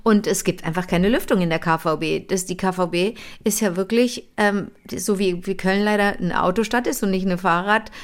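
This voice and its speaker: A woman's voice: mid-range voice, normal speed, hardly any pauses. A middle-aged woman, chatting casually on a phone call with a rambling, self-mocking manner. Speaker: co-host.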